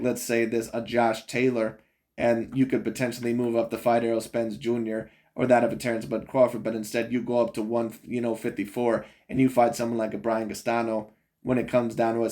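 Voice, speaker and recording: Reviewing a boxing video, this man offers loose, rambling opinions in a dark, mid-range voice. He chuckles frequently and leans on the phrases "overall" and "in my opinion" again and again.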